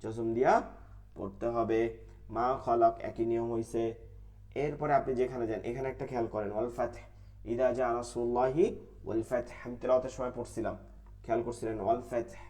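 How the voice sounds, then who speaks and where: প্রশ্ন করে নিজেই উত্তর দেওয়া পুরুষ কুরআন শিক্ষক. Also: male voice, mid-range voice, steady tone, brisk, a little mellow. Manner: asks questions and answers them himself, repeats rules in a drill. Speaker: Quran recitation teacher. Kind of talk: online tajweed class.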